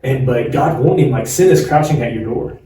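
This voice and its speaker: Brisk and dark-toned at a medium pitch, a man in his forties co-hosts a podcast in a loose, chatty, rambling way, laughing frequently. The room echoes, the mic sits at a distance, and a faint hiss is present.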